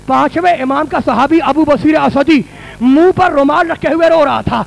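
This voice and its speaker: A man's voice: extremely high pitch, creaky. A male religious scholar preaching a passionate mourning sermon to a gathering in a mosque hall. He repeats his phrases for emphasis and builds toward cries.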